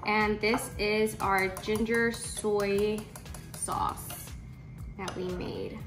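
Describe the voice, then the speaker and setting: Excited woman hosting a cooking vlog. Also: mid-range voice, drawn-out words. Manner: excited, chatty, lots of mm sounds. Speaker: cooking channel host. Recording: roomy room with background music.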